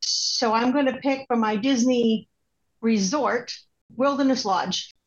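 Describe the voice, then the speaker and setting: A woman's voice: fairly high pitch, slow. Eager woman on a dull lo-fi line. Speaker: game player, podcast guest. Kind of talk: casual chat.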